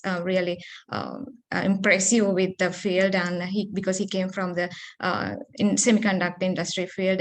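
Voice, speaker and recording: On a video call, a Sri Lankan postdoctoral researcher in her thirties answers seminar questions as a guest speaker. Her voice is medium-pitched and a bit bright, and she hesitates often, filling gaps and restarting her sentences.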